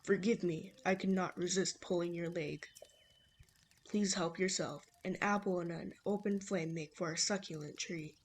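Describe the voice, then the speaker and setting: A woman doing a lonely old hermit man from a fantasy game, dry and teasing underneath. He speaks in a stiff, formal manner, pitched low for an old-man impression. A faint hiss sits behind the voice. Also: steady tone, moderate pace, close to an everyday voice. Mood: genial. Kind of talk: game dialogue read aloud.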